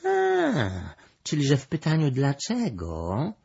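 A curious male cat from a storybook, wondering aloud in a raised, questioning voice, put on by a man reading aloud. The tone is husky and lilting. The recording sounds dull and lo-fi. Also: on the high side, wildly swooping pitch, takes it slowly, darkish tone, pitched above the performer's own voice, exaggerated voice. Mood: puzzled.

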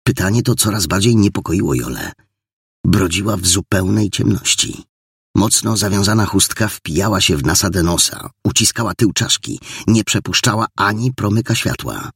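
A man's voice: low voice, lively intonation, moderate pace, gravelly, fairly bright tone, breathy edge, no room sound, studio quality. A man narrating an audiobook with dramatic storytelling. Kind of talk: scripted narration.

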